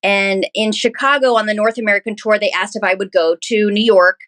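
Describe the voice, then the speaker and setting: A woman's voice: medium pitch, fairly even intonation, fairly quick, a bit bright. A woman from Canada telling stories as an interview guest in a casual, chatty way. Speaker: guest, musical theatre performer and content creator.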